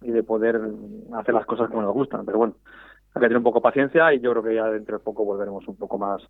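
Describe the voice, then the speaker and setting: A man's voice: on the low side, steady tone, fast, dry recording. A man from Spain, president of a supporters' club federation, calling in to a radio interview over a landline phone. He talks hesitantly, often repeating and restarting words. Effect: heard over a landline phone. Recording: tinny, dry phone line.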